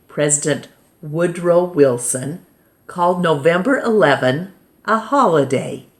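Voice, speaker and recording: Reading a children's nonfiction book like a teacher at storytime, an American woman takes it slowly and deliberately, pausing after each short phrase. Her voice sits on the lower side.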